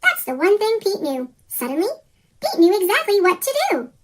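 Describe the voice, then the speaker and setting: A reader of a rhyming children's picture book, voice pitch-shifted into a chipmunk effect, reading in a sing-song way. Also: huge pitch swings, normal speed. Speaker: storybook reader.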